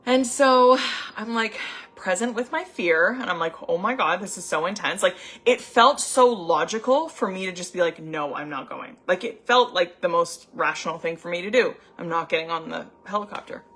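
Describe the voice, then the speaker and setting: A young adult woman, an anxiety coach, telling a personal story in a chatty, animated way with many filler words. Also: fairly low pitch, moderate pace. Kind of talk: casual storytelling vlog.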